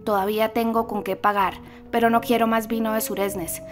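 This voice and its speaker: A woman voicing a rowdy, boastful young male student rogue in armor for an audiobook, shouting with drunken bravado. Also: on the high side, little pitch movement, fairly quick, faint music behind, lightly acted. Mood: boisterous.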